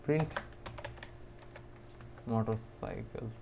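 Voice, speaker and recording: A man's voice: on the low side, slow, creaky, highs cut off, noisy background. A man giving a casual programming tutorial, thinking aloud with many fillers and checks. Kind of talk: casual screen-recorded coding tutorial.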